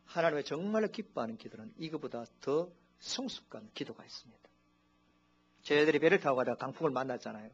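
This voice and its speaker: Husky animated Korean pastor preaching. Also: male voice, a little high, lo-fi sound. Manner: animated preaching, acting out prayers and quotes. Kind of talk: sermon.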